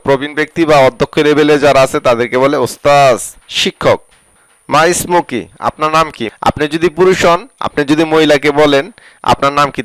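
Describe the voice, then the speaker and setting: A man teaching a word-by-word language lesson, slowly repeating each word and its meaning. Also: mid-range voice, fairly bright tone, no echo, rough recording. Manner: slow, repetitive drilling of words and their meanings.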